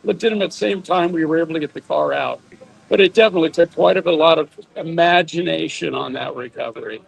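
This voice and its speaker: A man's voice: on the high side, fast, gravelly, breathy edge, low-quality recording. A man from a recovery crew answering interview questions in a plain, matter-of-fact way at an outdoor off-road event.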